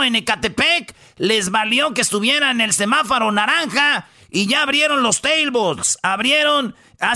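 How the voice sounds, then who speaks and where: A man's voice: extremely high pitch, sharp tone. A Mexican man hosting a radio countdown, talking in a rowdy, slangy, teasing way. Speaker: radio show host. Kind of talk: joking radio countdown chat.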